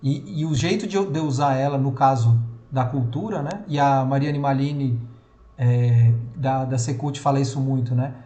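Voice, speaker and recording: A man's voice: medium pitch, normal speed, dark tone, reverberant. A man with a São Paulo accent leading an online training session, talking casually with many fillers and restarts. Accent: São Paulo Portuguese.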